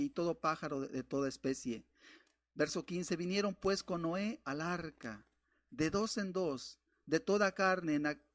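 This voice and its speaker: A preaching man with a fairly high voice delivers a fervent sermon. He reads scripture aloud and speaks straight to the listener, rising to loud exhortation and dropping to quiet warnings.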